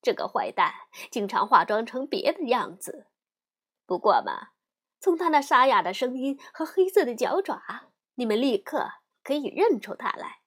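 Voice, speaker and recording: A woman voicing a caring old mother goat who speaks in a gentle, motherly, warning tone. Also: on the high side, very animated, moderate pace. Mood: cautioning.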